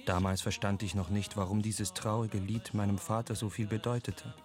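A man reading a voice-over translation in a calm, even way. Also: lowish voice, moderate pace, soft background music.

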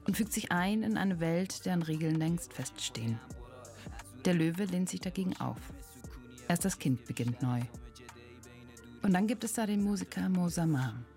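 A woman narrating a podcast in a measured, reflective scripted delivery. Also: sits low, a little mellow.

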